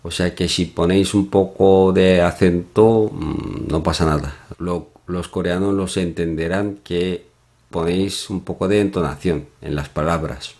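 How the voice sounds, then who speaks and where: A man teaching a Korean lesson from slides, explaining slowly with pauses and soft hums. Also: low-pitched, fairly even intonation. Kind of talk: slide-based language lesson.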